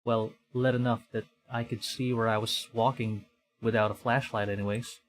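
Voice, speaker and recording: This male streamer from the Philippines narrates a visual novel aloud, muttering his own comments between passages. He speaks at a medium pitch and moderate pace with flat delivery, over background game music.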